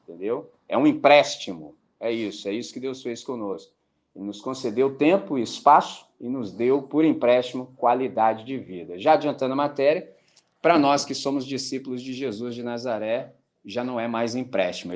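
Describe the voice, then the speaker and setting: A man preaching a sermon as a pastor, with a Brazilian Portuguese accent, talking colloquially, often asking "entendeu?" and mimicking voices as he tells stories. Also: medium pitch. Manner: animated storytelling with mimicked voices.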